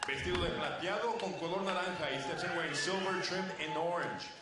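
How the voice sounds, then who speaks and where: High, echoing male boxing ring announcer. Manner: formal, theatrical, drawn-out names. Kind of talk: bilingual English and Spanish ring announcing. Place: boxing arena. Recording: echoey PA in noisy arena.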